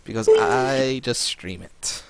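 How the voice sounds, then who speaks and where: A man's voice: mid-range voice, slow, a crowd in the background. A man co-hosting a casual podcast chat, rambling and hunting for words as he explains things. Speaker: podcast co-host.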